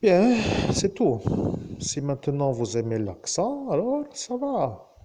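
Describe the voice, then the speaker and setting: A man with a Lorraine French accent, talking to his viewers in a slow, wandering monologue and often turning to address the listener directly. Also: fairly high pitch, huge pitch swings, mellow, slight background noise. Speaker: vlogger. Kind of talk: rambling monologue to camera.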